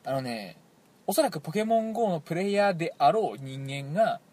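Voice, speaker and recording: A man from Toyama with a Toyama dialect, telling a rambling, animated story as a radio show co-host in casual chat. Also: a little high, a little fast. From Toyama, Japan. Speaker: podcast co-host.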